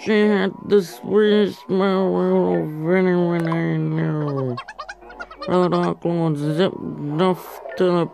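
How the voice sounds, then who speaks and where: A woman's voice: on the low side, steady tone, slow pace, vocal fry, over music. A woman voicing a rambling, indignant old townsman from a video game in a grumbling manner. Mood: indignant, shaken. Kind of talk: reading game dialogue in character.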